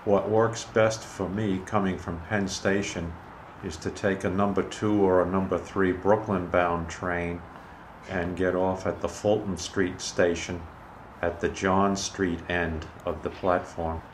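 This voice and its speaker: A man narrating a casual walking tour in a measured, informative way, speaking from behind a handheld camera outdoors on a city pier. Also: low-pitched, flat delivery. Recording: camera audio with clear outdoor noise.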